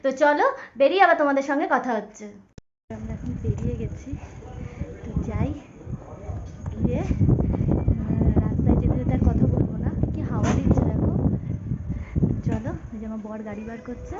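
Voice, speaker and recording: A woman's voice: fairly high pitch, highs cut off, very noisy. A young woman, a new mother, chatting in a casual home vlog and talking straight to her viewers, with sing-song baby talk to her son. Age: young adult. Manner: chatty, addresses viewers directly. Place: at home, indoor rooms.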